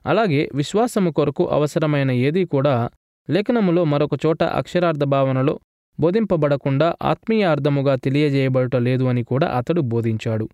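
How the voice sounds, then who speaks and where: Male lecturer, voice a touch high, measured scripted delivery, dry booth sound. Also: darkish tone, dry recording. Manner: measured, formal reading.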